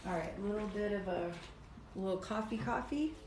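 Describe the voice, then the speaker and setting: A middle-aged woman with a mid-range, darkish voice talks quickly and steadily on a live stream as she cuts soap in her home workshop. She's chatty and rambling, speaking between bites while she chews and works. The room is echoey, with clearly audible background noise.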